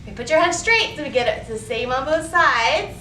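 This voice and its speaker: Expressive and high-pitched with a sharp tone, she speaks at a normal speed. The recording sounds roomy and distant with faint background noise as this library storytime host reads picture books to children and gives instructions in a sing-song, questioning style.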